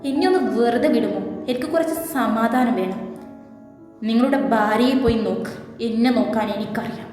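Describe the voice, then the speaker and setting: A woman voicing an indignant young wife, hurt and bitter, speaking in sharp, reproachful tones. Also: on the high side, moderate pace, natural voice. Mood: angry. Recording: heavy echo, reverb, faint music.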